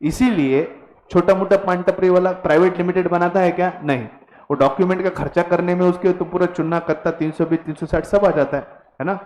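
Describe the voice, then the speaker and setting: A man's voice: high-pitched, fairly even intonation, fairly quick, darkish tone. Echoey teacher in a classroom, a man. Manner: mixes Hindi and English, drills students to repeat words; teasing, laughs with the class. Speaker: commerce teacher. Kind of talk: classroom lecture.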